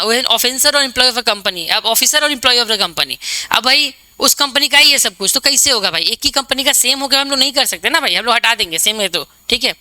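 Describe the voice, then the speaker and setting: Bright, crisp woman teaching exam prep. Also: sits high, no room sound, poor audio. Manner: reads English definitions slowly, then explains in casual Hindi with frequent check-ins; repeats points for students to remember. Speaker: commerce exam tutor.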